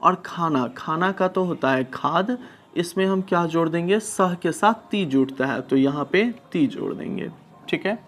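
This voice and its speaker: A man teaching a lesson, patiently posing questions and answering them himself. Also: fairly high pitch. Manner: slow, patient, asks and answers his own questions. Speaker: Sanskrit teacher. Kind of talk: classroom lesson explaining translation.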